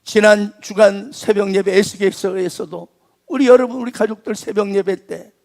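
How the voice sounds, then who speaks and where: A man pastor preaching a sermon, swinging between emphatic lines and hushed, nearly whispered ones. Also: high-pitched, steady tone, moderate pace, vocal fry.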